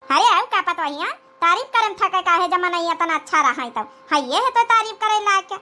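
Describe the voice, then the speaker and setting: Gossiping in a very high voice at a fairly quick pace, a woman performs a scheming village mother-in-law for a comedy cartoon. The heavily acted character flatters and wheedles in rustic chatter with an Awadhi accent.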